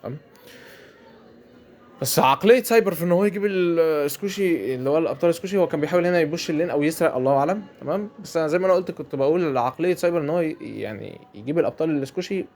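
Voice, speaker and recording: Egyptian man, game commentary, very fast talker, slightly high voice, faint background noise. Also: darkish tone. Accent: Egyptian Arabic. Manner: fast, chatty, repeats phrases, colloquial. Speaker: gameplay commentator. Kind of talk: mobile game commentary over gameplay.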